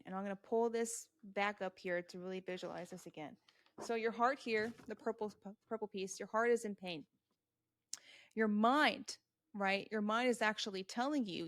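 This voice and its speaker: A woman's voice: medium pitch, fairly bright tone, dry recording, clean studio sound. A woman hosting a solo motivational podcast. She talks earnestly and emphatically, repeats key points and speaks straight to the listener. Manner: addresses the listener directly and answers imagined questions. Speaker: podcast host.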